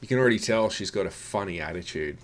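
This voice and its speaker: A man's voice: low-pitched, lively intonation, fast, very noisy. A man mocking a comedy set as a reaction host, swearing freely and sneering. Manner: mocking, swears freely, calls people love. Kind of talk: sarcastic reaction commentary.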